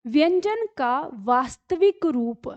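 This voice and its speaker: A high-voiced woman teaching an online lesson. She explains patiently, step by step, and keeps checking that her students follow. The sound is dry and a little dull, with no room echo. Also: expressive, slow. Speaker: Hindi teacher.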